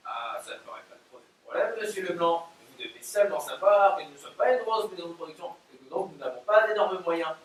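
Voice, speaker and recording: A man's voice: high-pitched, lively intonation, fast talker, few pauses. An actor playing a naive, clumsy, eager man in a stage play, hesitant and easily confused, recorded from far off in a very roomy theatre. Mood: bluffing. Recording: very roomy stage audio from far off, faint noise.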